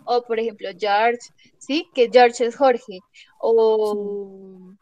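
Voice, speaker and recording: A woman's voice: fairly high pitch, fairly even intonation, extremely slow, a little mellow, highs cut off. Chatty woman teaching a class. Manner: chatty, explains with examples, asks "¿listo?". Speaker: English teacher. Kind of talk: classroom lesson.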